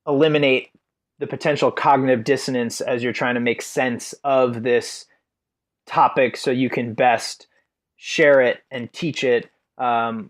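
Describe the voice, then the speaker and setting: A man hosting a podcast, who asks long, thoughtful questions with many fillers. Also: mid-range voice. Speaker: podcast host. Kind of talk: casual interview questions.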